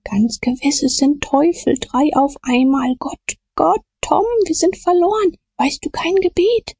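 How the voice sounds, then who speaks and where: A woman doing a fearful rough country boy, hushed clipped speech, raised pitch, audiobook. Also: a little slow, no room sound, studio quality.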